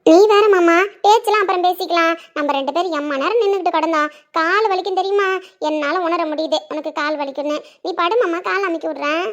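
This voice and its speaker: Quick high-voiced woman, insistent. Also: fairly bright tone, dull audio. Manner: chatty, insistent, quick back-and-forth. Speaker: storyteller voicing a family drama. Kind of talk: home-made Tamil audio drama.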